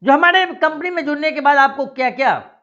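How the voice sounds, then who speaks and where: A man pitches a job scheme directly to viewers, answering questions he imagines they'd ask and repeating himself. His delivery is brisk, pushed and bright, and the sound is lo-fi.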